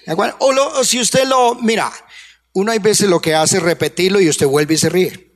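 A man preaching a sermon as pastor, passionate, swinging from hushed to loud, coaxing the congregation with questions. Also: sits high, brisk. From Colombia.

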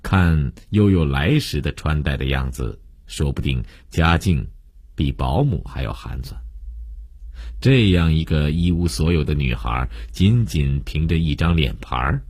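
A man narrating a story in a steady, measured audiobook style. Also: extremely low pitch, husky, no echo, clean studio sound.

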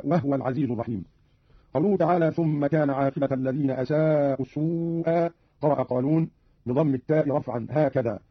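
A man's voice: fairly high pitch, breathy edge, dry recording, muffled recording. A man formally explaining Quran recitation variants, reading out example verses, on an archival radio recording.

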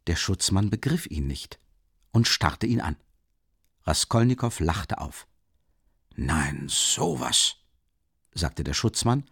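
Low-voiced male audiobook narrator. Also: darkish tone. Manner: measured, deliberate reading. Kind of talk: scripted literary narration.

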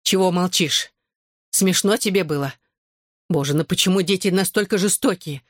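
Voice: moderate pace, no room sound, clean studio sound, natural voice. A reader voicing a frantic, overprotective mother who accuses a boy. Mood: furious. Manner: shrill and accusing. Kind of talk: audiobook dialogue.

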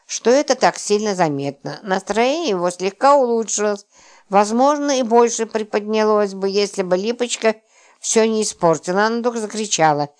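Brief: female narrator, mid-pitched, lively storytelling for an audiobook. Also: moderate pace. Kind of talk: scripted narration.

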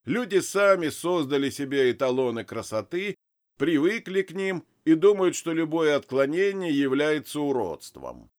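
A man's voice: on the high side, big pitch swings, normal speed, a little mellow, pitched above the performer's own voice. A man voicing a sly, mocking male demon boss who buys souls, sneering and gloating as he talks. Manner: gloating, sneering, laughs cruelly.

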